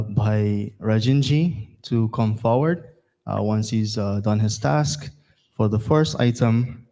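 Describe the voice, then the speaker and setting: In a temple hall, a man from Guyana chairs a service with an earnest, rhetorical formal address, repeating phrases for emphasis. His voice is fairly low and warm.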